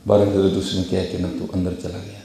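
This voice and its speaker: A man's voice: low voice, completely flat delivery, creaky, warm tone. A man preaching a sermon, telling a personal story and addressing his listeners as "Hazrat" in an anecdotal way. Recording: echoey hall reverb.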